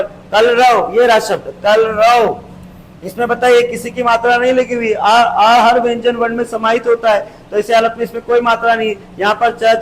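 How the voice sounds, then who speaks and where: A male teacher giving an exam-prep grammar lesson, explaining step by step, repeating key terms and drawing sounds out slowly. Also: very high-pitched, slight background noise, rough recording.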